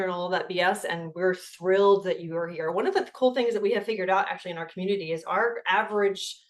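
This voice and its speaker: A woman hosting a casual live group coaching call over video, excitable, laughing at her own slips and swearing freely. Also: mid-range voice.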